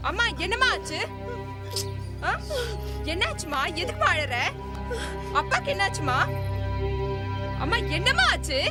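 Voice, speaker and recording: Frantic young woman in a film, sobbing and screaming, very high voice, slow drawn-out words, loud music behind. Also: sing-song, exaggerated voice. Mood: anxious. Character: frantic young woman, daughter, distraught over her friend.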